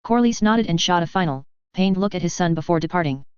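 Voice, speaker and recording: Brief: woman narrator, steady audiobook read, lowish voice, dry close-mic sound. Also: fast talker, smooth, no echo. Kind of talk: first-person audiobook narration of fan fiction. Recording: dull lo-fi recording.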